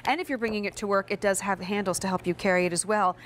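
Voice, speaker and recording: An American woman, middle-aged, presenting a chatty sales pitch as a home shopping host. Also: fairly even intonation, fast, slight background noise. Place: kitchen set in a TV studio.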